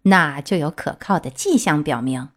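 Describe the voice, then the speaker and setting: A pompous, contrary owl doctor read by a woman, formal and animated. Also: deep voice, normal speed, pitched below the performer's own voice.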